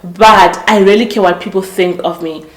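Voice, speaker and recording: In this reverberant, poor-quality recording, a podcast host in her late twenties talks through a casual motivational monologue. Her voice sits at medium pitch with a steady tone and moderate pace. She is earnest and reflective, frequently stopping to restart or fix what she just said.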